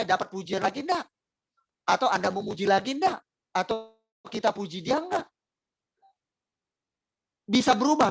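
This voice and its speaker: A male pastor with an Indonesian accent delivers a sermon in a gravelly, fry-edged voice. He speaks directly to his congregation, asking rhetorical questions and repeating key phrases. The recording is dry, with no room sound. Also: extremely high pitch, dry recording, low-quality recording.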